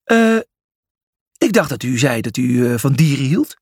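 A man's voice: medium pitch, big pitch swings, a little slow, slightly rough, no room sound, clean studio sound, exaggerated voice. A man voicing Brutus, a cheeky, boastful hoofed animal who talks brashly in a storybook reading.

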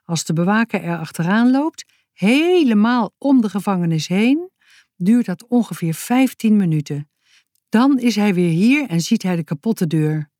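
A woman voicing a calm, clever boy who explains a plan in a quiet, matter-of-fact way, in a storybook. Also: medium pitch, unhurried, no room sound, studio quality, lightly acted. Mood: planning.

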